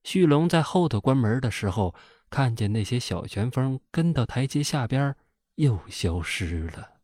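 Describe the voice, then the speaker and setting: A man narrating a folk ghost story in an animated, colloquial way. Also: mid-range voice, normal speed, no echo, clean studio sound.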